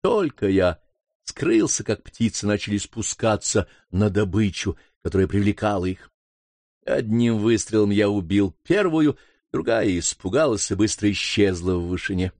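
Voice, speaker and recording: A man reading a first-person adventure novel aloud in a steady storytelling manner. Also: lowish voice, normal speed, no echo. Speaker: audiobook narrator.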